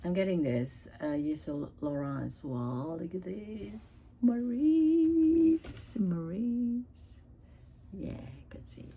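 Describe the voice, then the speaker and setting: Low-voiced woman rambling about makeup. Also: lively intonation, a little slow, vocal fry, few pauses, warm tone, husky, low-quality recording. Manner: rambling, chatty, many fillers and restarts. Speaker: beauty vlogger. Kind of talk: casual makeup chat.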